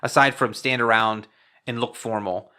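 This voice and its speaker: A co-host with a bright, sharp-edged tone and an ordinary mid pitch. The delivery is measured, moving between casual movie talk and an evenly read plot summary. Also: fairly even intonation. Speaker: podcast co-host.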